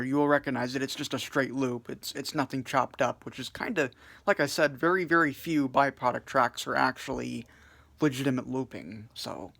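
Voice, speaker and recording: A man giving a casual music review in a subdued, flat way, full of hesitations and fillers. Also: mid-range voice, vocal fry. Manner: hesitant, many fillers and restarts.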